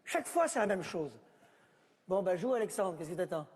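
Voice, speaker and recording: Guy doing a bickering family sketch on stage, high voice jumping all over, long hall reverb. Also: big pitch swings, moderate pace, darkish tone, a little hiss or hum. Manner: bickering, sarcastic, talking to unseen family. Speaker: comedian. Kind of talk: stand-up sketch, one-man show.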